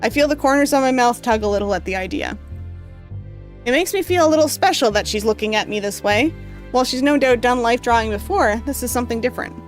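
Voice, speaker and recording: Speaking fast in a slightly high, expressive voice, this woman streamer reads visual novel narration and chats loosely with her viewers while faint music plays. She's worn her voice down from reading so much, coughs occasionally, and rambles with heavy filler words.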